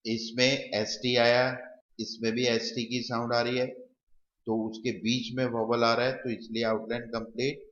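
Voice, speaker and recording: A man teaching shorthand step by step, talking slowly and repeating the example as he writes them. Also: mid-range voice, level tone, fairly bright tone. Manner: slow, repeats example words while writing. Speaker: shorthand tutor. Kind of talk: slow step-by-step lesson. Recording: dull, roomy recording.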